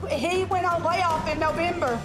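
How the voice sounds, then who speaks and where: A woman's voice: very high voice, moderate pace, loud music behind the voice. A woman speaking as a litigant on a TV court show, arguing in a blunt, bossy and defensive way. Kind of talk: unscripted courtroom argument. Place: TV courtroom studio.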